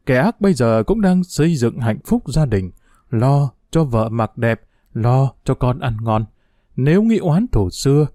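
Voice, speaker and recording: Man reading as a forgiving old monk in a storybook, slow and solemn, dark-toned. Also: mid-range voice, no echo, studio quality, lightly acted. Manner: slow, solemn preaching cadence. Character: grieving elderly monk, bereaved father, forgiving.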